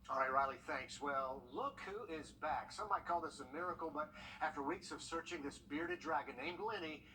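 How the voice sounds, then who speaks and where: A man's voice: fairly high pitch, normal speed, bright, forceful tone. A man news anchor introducing a cheerful local story in a conversational way. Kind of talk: studio news reading. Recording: distant mic, faint noise.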